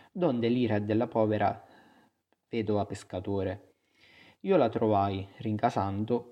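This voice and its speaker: A man narrating a literary novel in the first person, with a measured, expressive storytelling delivery. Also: lowish voice. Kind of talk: audiobook reading of a literary novel.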